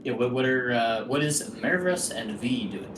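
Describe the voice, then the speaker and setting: A man's voice: mid-range voice, animated, moderate pace, background noise. A man casually narrating and refereeing as the game master of a tabletop role-playing game. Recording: roomy, distant mic, music behind.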